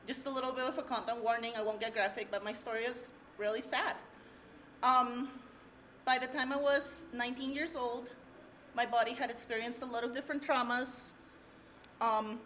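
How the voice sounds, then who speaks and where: A young Peruvian woman speaks as a workshop presenter, giving an earnest, candid personal testimony punctuated by small nervous laughs. Her voice is a little high and fairly bright, captured by a room recorder rather than a handheld mic before an audience. The recording is low quality with slight background noise.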